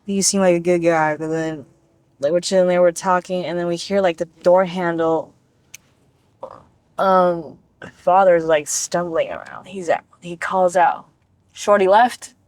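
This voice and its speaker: On a talk show, a female guest tells a personal story in casual, blunt, profane language and acts out what people said. Her voice is lowish, darkish, and unhurried, with no echo.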